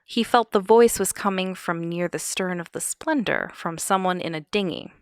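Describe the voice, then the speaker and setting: A woman's voice: fairly low pitch, moderate pace, smooth, no echo, studio quality. A woman hosting a podcast, recounting a true-crime case with wry, chuckling asides. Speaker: podcast host.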